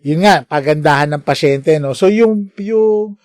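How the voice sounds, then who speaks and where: A middle-aged man from the Philippines, a nurse, telling animated anecdotes in a casual chat. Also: on the high side, measured pace, clear, resonant tone, no room sound, clean studio sound. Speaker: podcast guest, nurse.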